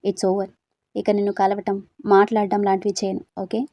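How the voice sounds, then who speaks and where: A woman's voice: mid-range voice, monotone, moderate pace, warm tone, no echo, close to an everyday voice. A woman voicing a brooding young man who breaks off with his lover in a curt, reproachful tone, read as part of a storybook. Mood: hurt, reproachful.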